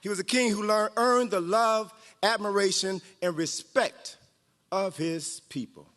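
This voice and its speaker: A man whose voice sits high and a bit bright reads a story to a live audience at a training event, speaking a little slowly. He is the guest storyteller, an author and historian, and his animated reading is playful and dramatic, dotted with jokes. The big hall gives the sound plenty of reverb.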